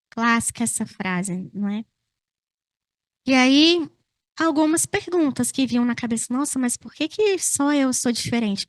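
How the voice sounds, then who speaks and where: A young Brazilian woman psychologist giving a lively, self-mocking talk to an audience, full of rhetorical questions. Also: fairly high pitch, dry recording, studio quality. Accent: Brazilian Portuguese. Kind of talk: personal lecture to an audience.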